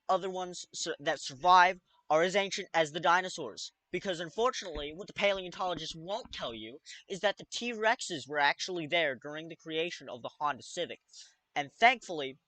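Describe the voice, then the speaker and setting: A man's voice: a little high, sharp tone, no echo, poor audio. A man giving a mock presentation as an exasperated, absurdly serious rant that comes in emphatic bursts. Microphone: external microphone.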